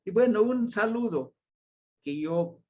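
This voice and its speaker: A man's voice: sits high, animated, takes it slowly, mellow. A man from Mexico with a Mexican Spanish accent, teaching a language class and patiently spelling out sounds and words. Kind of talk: slow classroom explanation.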